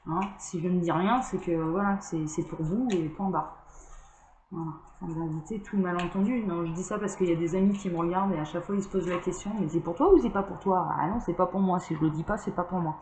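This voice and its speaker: A woman's voice: fairly low pitch, fast, a little mellow. Chatty woman reading tarot in an echoey room. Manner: chatty and rambling, with frequent fillers and little laughs. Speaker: tarot card reader. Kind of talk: casual tarot reading to camera. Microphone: camera mic. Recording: roomy echo, faint background hiss.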